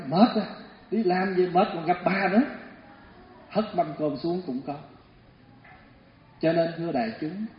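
A man giving a Buddhist dharma talk, telling stories and acting out the voices. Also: a little high. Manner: storytelling, animated, acts out voices. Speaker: Buddhist teacher. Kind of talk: dharma talk with acted anecdotes. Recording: echoey hall, dull lo-fi.

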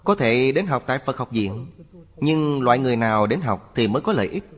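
A man giving a Buddhist sermon in a measured, lecturing cadence. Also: mid-range voice, animated. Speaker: Buddhist teacher. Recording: long hall reverb.

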